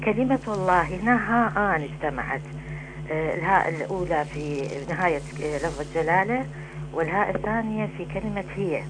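Man, Iraqi accent, caller, fairly high voice, polite, noisy phone line. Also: lively intonation, fairly quick. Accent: Iraqi Arabic. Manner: polite, respectful greetings. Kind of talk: phone-in question.

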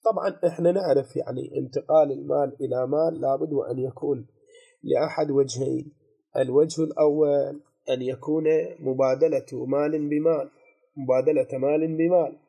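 An Iraqi man giving a seminary lesson on religious law, his voice husky and deeply mellow. He explains patiently, tossing out rhetorical questions and repeating key phrases. When he reads from the text, he slows right down. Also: steady tone. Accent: Iraqi Arabic. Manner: reads quoted text slowly and deliberately.

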